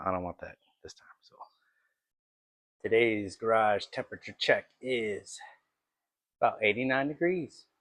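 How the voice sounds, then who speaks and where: Low-voiced man muttering in his garage. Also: fairly bright tone. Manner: muttering to himself while working. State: out of breath. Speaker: vlogger working on his truck axle. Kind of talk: casual workshop vlog. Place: garage workshop, partly outdoors in wind.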